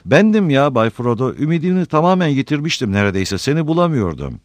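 An earnest, devoted hobbit servant speaks with warm urgency, pitched well above the reader's plain voice, as a man reads him aloud. The recording is dry and close. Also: big pitch swings, a little fast, no echo, natural voice. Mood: reassuring. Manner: earnest, emotional. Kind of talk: audiobook reading.

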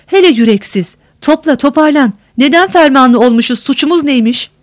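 A woman's voice: sits high, fairly quick, no room sound, studio quality, natural voice. A woman voicing a short-tempered, haughty male lord who barks insults at his steward. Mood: scolding. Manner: scolding, barking insults.

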